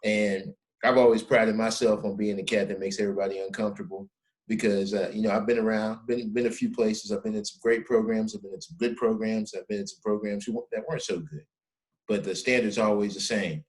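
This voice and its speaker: A middle-aged man with a low, deep-set voice hosts a relaxed podcast conversation. He talks with emphatic energy, leaning on "man" as he makes his points. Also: fairly quick, rough recording. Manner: emphatic, peppers speech with "man". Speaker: podcast host. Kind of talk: casual interview chat.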